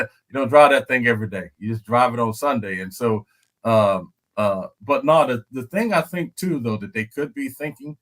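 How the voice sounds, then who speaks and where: A man's voice: on the low side, fairly bright tone. An older man, a former lineman, talking casually and with animation, repeating himself and asking "you know what I'm saying". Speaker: guest analyst, former NFL lineman. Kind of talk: casual podcast commentary.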